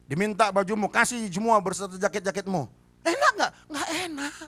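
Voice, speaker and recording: High, animated preacher. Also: male voice, fairly quick. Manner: emphatic, rhetorical questions to the congregation. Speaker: pastor. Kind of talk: sermon. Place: church service.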